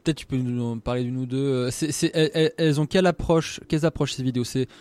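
A man's voice: medium pitch, steady tone, fast talker, a little mellow, dry recording. A man hosting a casual talk, asking probing questions and cutting in with jokes. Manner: probing, joking interjections. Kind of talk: casual radio chat.

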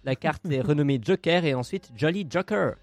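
Guy hosting a podcast, jokey and theatrical, kinda high voice, dry sound. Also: normal speed, no room sound. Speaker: podcast co-host presenting a segment. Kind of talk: casual podcast chat.

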